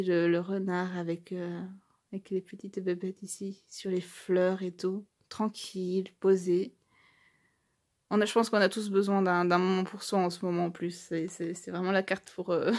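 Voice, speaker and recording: A woman talking casually through an unboxing on her channel. She gushes over each small item, with lots of fillers and restarts, and slows down to stumble through English phrases. Her voice sits at a middle pitch. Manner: gushing, hesitant, many fillers and restarts. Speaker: YouTuber unboxing a tarot deck.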